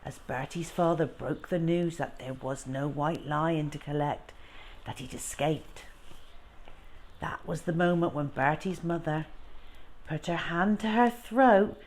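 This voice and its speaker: In a mid-range voice, a woman reads a children's storybook with expression, her delivery measured and dramatic, sometimes dropping to a hush.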